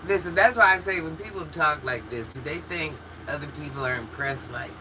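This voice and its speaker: A woman in her fifties hosts a relaxed livestream, chatting openly with her viewers and reacting to their comments. She talks candidly and laughs easily. A steady air-conditioning hum runs under her voice. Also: sits low, brisk, poor audio. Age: 50s. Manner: chatty and candid, talks straight to chat with frequent laughs and restarts. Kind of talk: casual chat.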